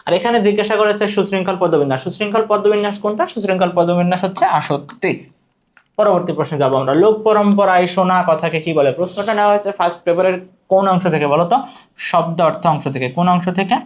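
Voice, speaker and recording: A man's voice: high-pitched, fast talker. A man teaching an exam-prep lesson, asking questions and repeating the answers.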